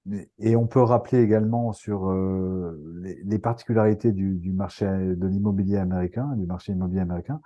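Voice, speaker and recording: Male interviewer, very dark low voice, halting with fillers. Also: fairly even intonation, lo-fi sound. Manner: hesitant, many fillers. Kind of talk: interview chat.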